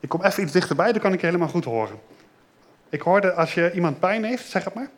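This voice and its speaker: Guy doing a kids sermon, kinda high voice, gentle, keeps asking the kids stuff. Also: animated, quick pace. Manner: asks children questions, gentle and simple. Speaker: children's pastor. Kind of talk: children's sermon.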